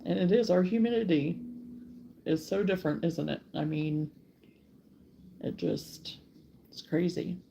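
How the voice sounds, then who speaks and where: A middle-aged woman hosts a relaxed live crochet stream from her rural home, chatting away and stretching out her greetings to commenters. Her voice sits lowish, with vocal fry and a dark tone. There's slight noise in the background.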